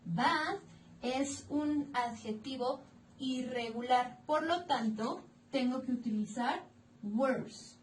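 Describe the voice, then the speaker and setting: A Mexican woman teaching English grammar in Spanish, explaining each rule slowly and clearly, step by step, in a recorded lesson. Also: high-pitched, a little hiss or hum. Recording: echoey room, mic at a distance.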